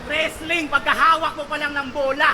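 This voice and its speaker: A man performing a battle rap verse, taunting his opponent with punchy lines and shouted punchlines. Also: very high-pitched, flat delivery, moderate pace, crowd noise, background noise. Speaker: battle rapper.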